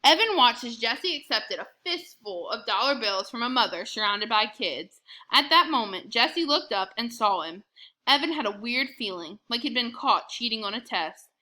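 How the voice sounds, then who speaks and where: Reading a children's chapter book aloud at normal speed, this storyteller and narrator delivers the text expressively and plainly from a script. She has a somewhat high voice with a very bright, forward edge.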